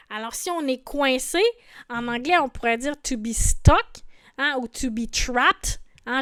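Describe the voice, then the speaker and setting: A woman's voice: fairly high pitch, a bit bright, clear, resonant tone, dry recording, clean studio sound. A woman explaining song lyrics in a patient lesson, repeating words and often adding "hein". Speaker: French teacher.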